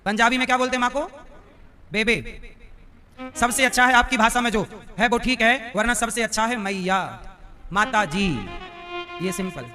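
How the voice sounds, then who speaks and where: A man's voice: extremely high pitch, moderate pace, pauses often, sharp tone, soft background music. A man giving a live devotional discourse, teasing and quizzing his audience with questions. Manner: teasing, quizzing listeners directly. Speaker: preacher. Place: live religious gathering.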